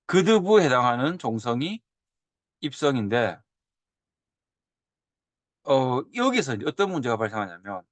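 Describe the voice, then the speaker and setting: 옛 문헌을 보여 주며 예시 발음을 되풀이해 가며 강의하는 남자 교사. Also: male voice, mid-range voice, a little slow, long pauses, no echo. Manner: animated, drawls and repeats example sounds. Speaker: teacher. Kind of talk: lecture on old Korean script.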